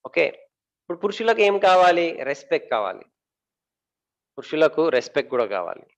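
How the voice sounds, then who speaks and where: Addressing an audience on marriage, a man speaks in a slightly high, sing-song way, posing questions he then answers. Frequent pauses, fillers and repeated words mark his delivery, and the recording is muffled.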